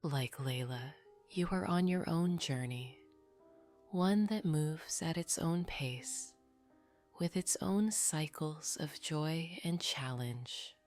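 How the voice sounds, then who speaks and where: A woman reading scripted sleep stories in a soft, breathy, half-whispered voice, soothing and gently guiding the listener toward rest. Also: low voice, slow pace. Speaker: sleep story narrator. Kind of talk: scripted bedtime sleep story narration. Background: background music.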